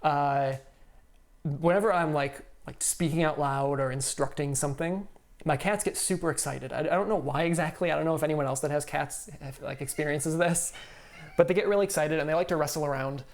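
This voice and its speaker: A man's voice: a little high, a little fast. A man streaming live from home, explaining a solo board game in an easygoing way and thinking aloud with lots of fillers. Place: home room.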